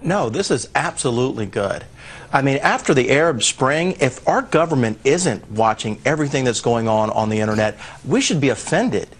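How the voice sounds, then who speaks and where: A man's voice: mid-range voice, sing-song, normal speed. A man who is a former prosecutor, speaking bluntly and mockingly as a guest on a news panel.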